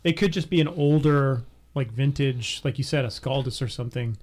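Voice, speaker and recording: A man co-hosting a beer podcast, chatting casually with halting phrasing, many fillers and easy laughter. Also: mid-range voice, a little mellow. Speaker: podcast co-host. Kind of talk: casual chat over beer tasting.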